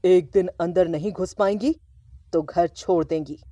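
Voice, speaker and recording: Woman putting on a grumpy storybook dad, blustering, lower pitch, mellow tone. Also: normal speed, no echo, lightly acted. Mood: gruff. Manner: gruff, blustering commands. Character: grumpy stubborn father chasing sparrows.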